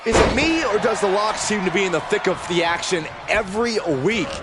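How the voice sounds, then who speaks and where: A man playing an excitable wrestling commentator in a video game, calling moves in emphatic shouts over loud noise. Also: sits high, brisk, lightly acted. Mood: excited, urgent. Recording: loud arena crowd and impact noise.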